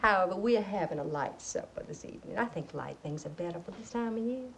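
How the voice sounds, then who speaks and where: A woman's voice: medium pitch, lively intonation, fast talker, a little hiss or hum, lightly acted. An actress playing a middle-aged faded Southern belle mother, genteel and nostalgic, chattering with a Southern accent and theatrical laughs. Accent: American Southern. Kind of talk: stage play acting.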